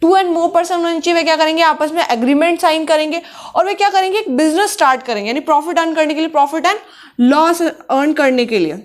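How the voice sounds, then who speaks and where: High-voiced woman teaching a commerce lesson. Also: fast. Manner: repeats questions to herself and answers them. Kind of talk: classroom lecture.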